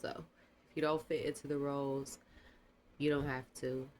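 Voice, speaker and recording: A tarot reader hosting a casual channel reading, talking in a relaxed, rambling, slangy way with a congested voice. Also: medium pitch, normal speed, a little hiss or hum.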